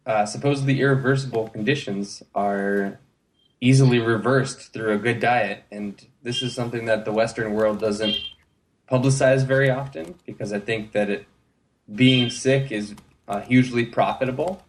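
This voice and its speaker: This is a U.S. man in his thirties sharing a personal story as a guest in a laid-back interview, filling his speech with plenty of fillers. He talks at a moderate pace with a medium-pitched voice.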